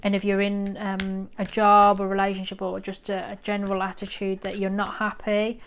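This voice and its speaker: A woman's voice: mid-range voice, completely flat delivery, normal speed, slight background noise. A woman giving a pick-a-card tarot reading, encouraging and rambling, with frequent ums. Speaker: tarot reader.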